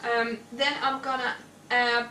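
A woman in her thirties, a cooking show host, calmly explains each step of a slow, casual demonstration in a home kitchen. Her fairly high voice is flat in delivery and heard over music. Though clipped with a lapel mic, she sounds a little distant in an echoey room with faint noise.

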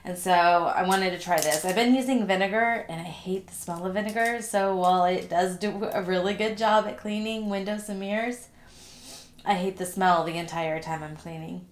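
A young woman talks through a casual unboxing haul, chatty and upbeat. Her nose sounds stuffy from allergies, and her middle-pitched voice rings in an echoey room. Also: moderate pace. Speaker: vlogger.

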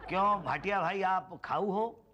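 An actor playing a fussy, put-upon common man in a TV sitcom who whines and then flies into shouting rages. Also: sits high, unhurried, lo-fi sound, very noisy. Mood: wheedling. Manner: whiny, then shouting in rage. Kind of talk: TV sitcom acting.

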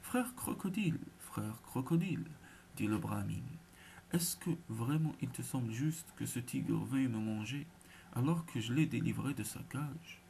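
A man's voice: mid-range voice, lively intonation, a little slow, vocal fry, darkish tone, a little hiss or hum. A man voicing an anxious poor male brahmin who pleads urgently. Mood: pleading. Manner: urgent, imploring.

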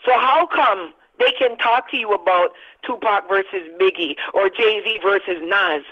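A woman in her thirties, a radio interview guest, making an animated, emphatic argument. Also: medium pitch, measured pace. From Barbados. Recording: dull lo-fi sound.

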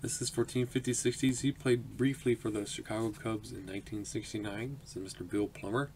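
Young guy in his 20s opening mail on webcam, gravelly voice, lots of background hiss. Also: fairly low pitch, fairly even intonation, fairly quick, darkish tone. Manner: chatty, upbeat, laughs often, many ums. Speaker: autograph collecting channel host. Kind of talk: casual mail-opening vlog. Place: small home room, indoors. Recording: noisy home recording.

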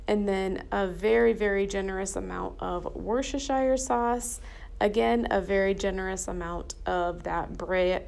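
A woman's voice: mid-range voice, creaky, darkish tone. A woman, chatting cheerfully in a casual voice-over about her home cooking. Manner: chatty and upbeat, repeats herself. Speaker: cooking channel host.

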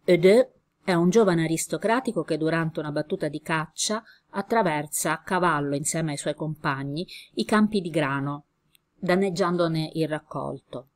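A woman with a low voice reads a story aloud at a measured pace. She makes small slips and corrects herself as she goes. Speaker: reader.

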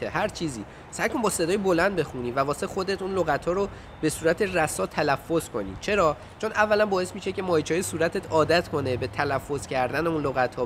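A man's voice: a little high, a bit bright, slight background noise. A man giving informal, direct study advice to his viewers in a casual vlog.

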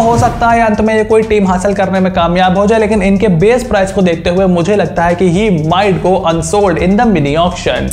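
Young man, high voice, confident cricket analyst, hand gestures, echoey indoor room. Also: a little mellow, slight background noise. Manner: confident, gestures with hands while explaining. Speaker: cricket analyst and channel host. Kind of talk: auction predictions straight to camera. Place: indoor room with stone-tile wall. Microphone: camera framed waist-up.

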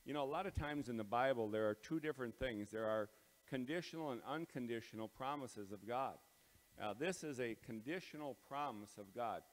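F. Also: male voice, mid-range voice. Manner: plain, halting delivery with many ums and uhs. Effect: big hall echo. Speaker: pastor leading morning devotions. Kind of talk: casual devotional talk and prayer. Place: large empty auditorium under renovation, bare floors. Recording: long echo of a large, empty hall.

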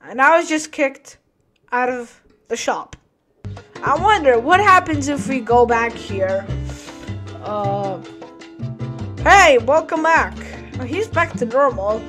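A woman's voice: fairly high pitch, expressive, slow, long pauses, a bit bright. A woman giving casual, slangy let's play commentary with surprised reactions, over game music. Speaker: gamer.

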